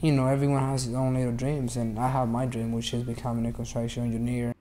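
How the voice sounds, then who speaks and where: Young man, late teens, flat mellow voice, earnest and determined, faint background hiss. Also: mid-range voice, fast talker. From Honduras. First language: Spanish. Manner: earnest, determined, many fillers. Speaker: student activist. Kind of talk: interview testimony.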